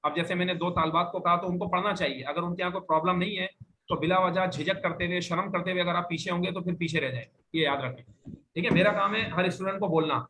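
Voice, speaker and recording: A man's voice: high voice, fairly even intonation, sharp tone, a little hiss or hum, poor audio. A man from Pakistan teaching an Arabic class, firmly drilling and correcting his students. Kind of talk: classroom lesson with online students.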